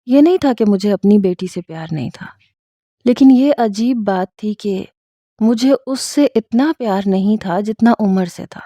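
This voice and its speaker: A woman narrating a romantic story in the first person, steady and scripted. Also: mid-range voice, dry recording.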